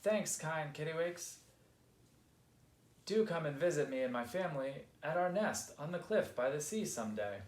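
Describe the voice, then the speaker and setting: A man voicing a young, excitable and mischievous male magpie in a raised, chirpy, childlike voice for a storybook. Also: fairly high pitch, brisk, few pauses, natural voice. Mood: happy. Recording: roomy echo.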